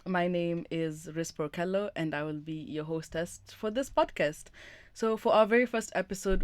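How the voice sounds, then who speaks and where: A woman's voice: low voice, no echo. Chatty young Kenyan-born woman hosting. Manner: chatty, laughs often, rambling. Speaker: podcast host. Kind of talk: casual podcast chat.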